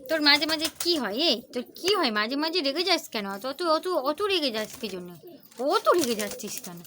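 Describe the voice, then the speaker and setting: A woman with a slightly high, lively voice coaxes her pet birds over and over and chats to the viewer in between. Birds chirp and coo clearly around her at home. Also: a little fast, slight background noise. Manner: coaxing, repeatedly calling and urging the birds; chatty running commentary to the viewer. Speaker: vlogger. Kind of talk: casual home vlog talking to pet birds. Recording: loud bird chirps and cooing nearby.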